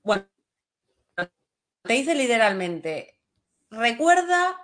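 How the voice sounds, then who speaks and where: A woman's voice: mid-range voice, normal speed, a bit bright. A woman hosts an interview in a chatty, loose way, thinking aloud as she asks her questions. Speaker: interview host. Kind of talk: casual interview, live show.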